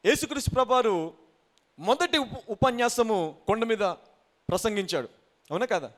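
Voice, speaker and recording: Pastor, male, high and very lively delivery, sermon with call-and-response hallelujahs. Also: normal speed. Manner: exhorting the congregation, mixing in English phrases and repeated hallelujahs.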